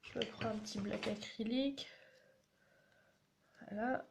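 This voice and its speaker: A woman talks her viewers through a card-making demonstration, chatty and explaining each step as she goes. Her voice sits a little high. The recording carries clear background noise. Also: steady tone, slow pace. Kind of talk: casual crafting tutorial.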